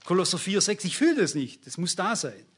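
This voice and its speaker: A man's voice: sits high, sing-song, fairly quick, husky. An older man preaching a sermon, emphatic and speaking directly to his congregation.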